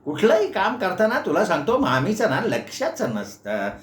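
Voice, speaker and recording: A man's voice: sits high, wildly swooping pitch, moderate pace, roomy sound, pitched above the performer's own voice. A man doing a stubborn, insistent uncle. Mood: defensive. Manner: insistent, self-assured. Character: stubborn middle-aged uncle, self-assured.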